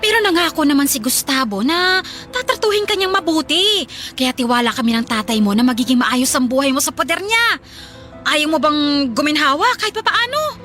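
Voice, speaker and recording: In a Tagalog radio drama, a Filipino woman plays a poor mother buried in debt, her high voice lively in intonation and a little fast. Anxious, she coaxes and guilt-trips, starting hesitant and growing insistent as she presses her case. Loud music plays under her voice.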